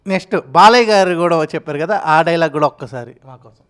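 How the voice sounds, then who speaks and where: A man hosting an interview, enthusiastic and quick to praise his guest. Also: a little high, animated, fairly bright tone, clear, resonant tone. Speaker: interviewer host. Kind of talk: casual interview.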